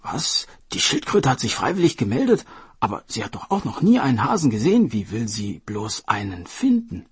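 A man voicing puzzled, hesitant court officials who mutter quickly among themselves. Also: medium pitch, big pitch swings, slightly rough, no echo, voice pushed up. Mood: baffled.

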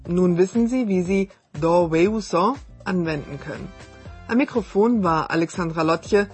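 A woman hosting a scripted radio language lesson, reading model phrases slowly and clearly. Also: on the low side, darkish tone, faint music behind.

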